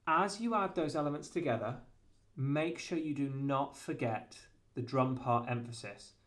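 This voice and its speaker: A man's voice: mid-range voice, a little slow, fairly bright tone. A man giving a casual guitar lesson, rambling and correcting himself often, with lots of fillers. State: has the hiccups. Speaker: guitar teacher.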